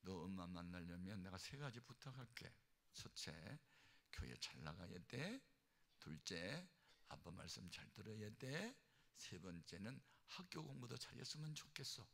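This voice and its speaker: A man voicing a dying young mother, speaking softly and gently to her child. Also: on the low side, expressive, moderate pace, voice pushed down. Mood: tender.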